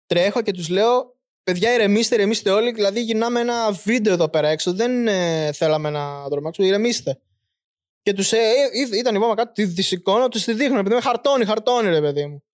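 A man's voice: high voice, lively intonation, hardly any pauses. A man telling a story in casual chat, rambling, with many fillers and acted-out quotes. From Greece.

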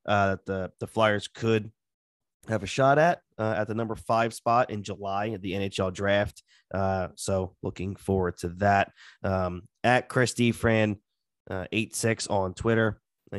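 Man, podcast host, nasal from a cold, lowish voice, casual and rambling, dry close sound. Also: no echo. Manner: loose and rambling, many fillers and restarts. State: congested from a cold. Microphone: close podcast mic.

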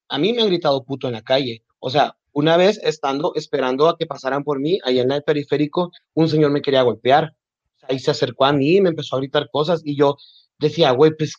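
A man's voice: a little high, no room sound. A man with a Mexican accent, a podcast guest in casual conversation, telling stories and acting out the dialogue in them. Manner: animated storytelling, acts out quoted dialogue. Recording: dull, dry podcast audio.

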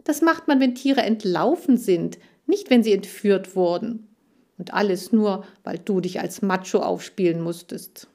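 A woman's voice: medium pitch, unhurried, a little mellow, natural voice. A woman reading a children's audiobook, voicing an agitated, tearful girl who cares for farm animals. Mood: upset. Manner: agitated, pleading, raised voice.

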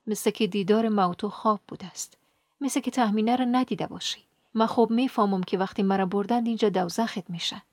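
A woman voicing a despairing young woman who softly pleads to be saved. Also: mid-range voice, no echo, clean studio sound, natural voice.

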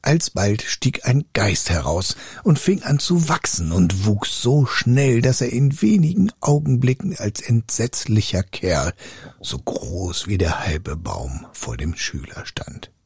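Gravelly man reading a fairy tale. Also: no room sound, studio quality. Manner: slow, highly animated storytelling. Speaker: storyteller.

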